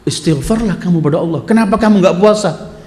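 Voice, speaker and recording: A male religious teacher giving a sermon and telling a story, acting out its dialogue and swinging between loud and hushed delivery. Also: high voice, quick pace, roomy sound, big-room sound.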